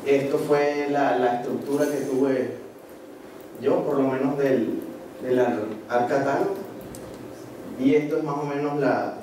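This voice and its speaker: Presenting informally as a course participant, this marine geology researcher is a middle-aged man with a Venezuelan accent who speaks haltingly, often tacking on tags to make sure listeners follow. His medium-pitched voice is dark in tone, with fairly even intonation. The sound comes from a handheld PA mic in a medium-sized seminar room, picked up by a far-off camera, leaving it echoey and noisy.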